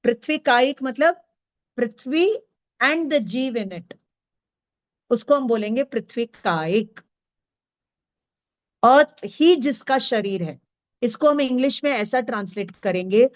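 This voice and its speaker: A woman teaching a scripture class, slowly dictating terms for students to write down and mixing in English words. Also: on the high side. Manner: mixes English words into her explanation. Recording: dull lo-fi recording.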